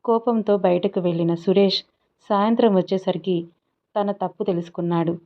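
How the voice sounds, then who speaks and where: A woman reading a romantic short story aloud in a calm, even narrating voice. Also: medium pitch, normal speed. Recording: dull lo-fi audio.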